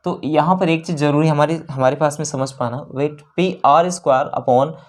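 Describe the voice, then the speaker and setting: Here a maths teacher walks through exam practice questions step by step at a normal speed, in a mid-range voice. The teacher repeats numbers, keeps checking in with "theek hai," and blends English terms into the explanation.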